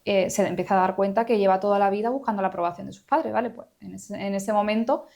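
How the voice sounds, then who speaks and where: A woman speaks as a psychologist guest in a podcast interview. She talks in a reflective, explanatory way, at a medium pitch, pausing on fillers and tag questions as she works through her points. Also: creaky, a little mellow. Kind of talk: conversational interview.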